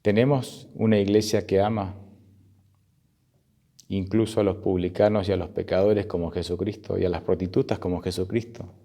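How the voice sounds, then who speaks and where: Un pastor con acento argentino que cuenta una historia en un sermón, en tono conversacional y con muletillas. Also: male voice, sits low, fairly even intonation, moderate pace, mellow. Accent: Argentine Spanish. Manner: conversational, many fillers, acts out the quotes. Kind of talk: sermon storytelling.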